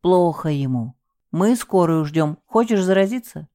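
A woman's voice: fairly low pitch, lively intonation, unhurried, mellow. A woman voicing a bossy, scheming middle-aged female hotel manager who gives curt, commanding orders. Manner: curt, commanding, falsely soothing.

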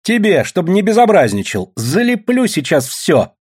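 Mocking village woman, brisk, raised voice, lively delivery, male reader. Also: high voice, breathy edge, voice pushed up, heavily acted. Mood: threatening. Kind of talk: audiobook character voice.

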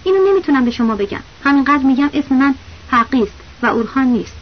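A woman reading a flustered young impostor pleading. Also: sits high. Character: flustered young male impostor teacher, desperate. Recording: dull lo-fi audiobook recording with faint hiss.

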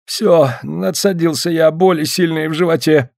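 A man's voice: sits high, a little slow, a little mellow, pitched above the performer's own voice. A man reading a story aloud, voicing an exhausted working man who pleads and complains. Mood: pleading. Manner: pleading, whining.

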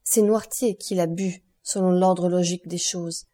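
A woman reading the part of a stern, relentless male doctor, solemn and accusing in a measured way. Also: on the low side, fairly even intonation, mellow.

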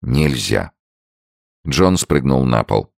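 A man narrates a novel for an audiobook, measured and expressive. His voice is extremely low with a gravelly creak. The recording is close and dry. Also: no room sound.

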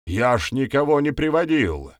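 A man's voice: mid-range voice, very animated, moderate pace, no room sound, clean studio sound, lightly acted. A man voicing a nervous, lying male villager who whines and protests shrilly. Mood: panicked.

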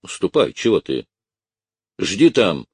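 A man playing a blunt, stern army officer who speaks in clipped, forceful commands, in a storybook reading. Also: lowish voice, sing-song, takes it slowly, breathy edge, no room sound, voice pushed up, exaggerated voice.

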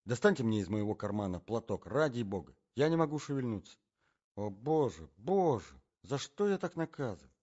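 A man doing a frantic jealous gentleman. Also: mid-range voice, big pitch swings, normal speed, muffled recording. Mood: pleading. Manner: frantic, pleading, exclamatory. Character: jealous panicky middle-aged gentleman hiding under a bed. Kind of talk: audiobook character reading.

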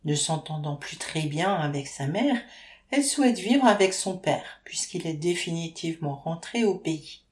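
A woman narrating an audiobook in a steady, even storytelling manner. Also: deep voice, normal speed. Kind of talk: scripted narration. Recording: roomy echo.

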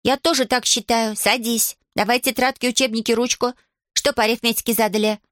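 Woman playing a strict commanding schoolgirl, stern and high, storybook. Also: fairly even intonation, fairly quick, fairly bright tone, no echo, studio quality, lightly acted. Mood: bossy. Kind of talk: audiobook character voice.

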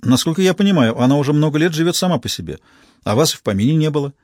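A man's voice: a little high, lively intonation, very fast, darkish tone, dry recording, clean studio sound, pitched above the performer's own voice, lightly acted. A man reading a blunt, pressing female detective.

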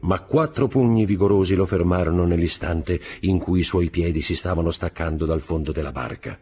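A man narrating a classic novel in a scripted literary style, slowing for dramatic moments, recorded in a studio. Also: sits low, warm tone, breathy edge. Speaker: audiobook narrator.

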